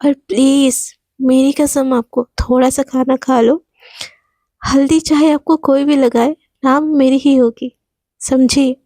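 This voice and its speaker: A woman's voice: sits high, fairly even intonation, slow pace, mellow, dry recording, studio quality. A woman voicing a teasing, possessive young woman who coaxes and bosses her crying lover, in a storytelling romance. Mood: coaxing. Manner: playful, coaxing, bossy.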